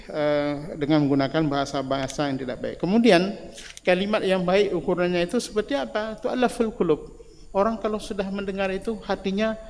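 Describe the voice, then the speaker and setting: Guy giving a sermon, kinda high voice, chatty, long hall echo and faint hiss. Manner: conversational, often adding tag words between phrases. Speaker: preacher. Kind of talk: mosque sermon. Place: mosque hall.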